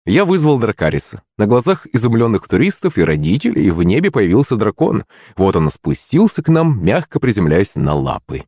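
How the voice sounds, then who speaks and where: A man narrating a first-person fantasy audiobook in a wry, expressive storytelling manner. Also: lowish voice, fairly quick, hardly any pauses, husky, dry recording, studio quality.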